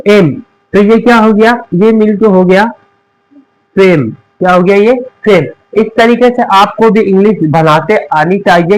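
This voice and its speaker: His high voice comes through on low-quality audio. The young Hindi-accented man teaching this English lesson repeats each word questioningly and follows with the answer.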